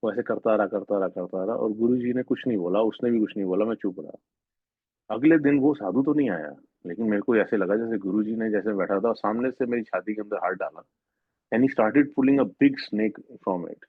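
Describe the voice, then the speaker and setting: A man with a husky, somewhat low voice gives an earnest, rambling testimony, often breaking off and restarting his sentences. The sound is thin and phone-like, and it is dry with no room echo. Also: normal speed. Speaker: devotee sharing a personal spiritual experience. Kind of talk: personal testimony at a devotional gathering.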